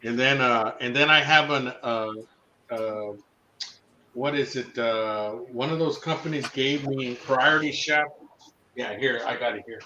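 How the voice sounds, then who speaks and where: A man's voice: medium pitch, a little slow, bright, forceful tone, reverberant, dull audio. A man chatting casually on a livestream, swearing easily while eagerly showing off kitchen gear. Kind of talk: casual chat.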